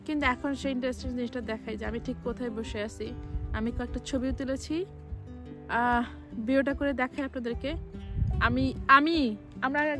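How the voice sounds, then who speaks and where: A woman from Bangladesh, a travel vlogger, chatting casually to camera from a clifftop by the sea, often repeating and restarting her words. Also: high-pitched. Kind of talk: casual vlog talk to camera.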